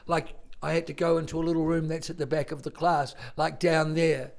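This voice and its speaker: A man's voice: on the high side, flat delivery, a little fast, gravelly. An older man with a worn-out voice, telling a personal story to a class of children in a plain, earnest way. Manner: plain-spoken, earnest, rambling with self-corrections. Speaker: storyteller visiting a school class.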